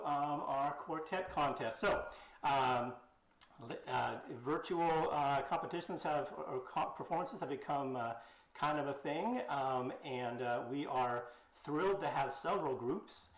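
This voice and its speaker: A man hosting an online singing festival in a chatty, halting way with many fillers. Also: mid-range voice, reverberant, rough recording. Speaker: festival host. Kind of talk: casual live-stream hosting.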